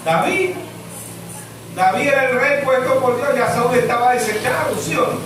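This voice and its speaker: Zulian pastor preaching in an echoey hall. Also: male voice, expressive, normal speed, crowd noise. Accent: Zulian Venezuelan Spanish. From Venezuela. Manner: preaching with sudden high shouted questions and low muttered asides. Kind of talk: sermon. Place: church hall. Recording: echoey church hall, mic far off.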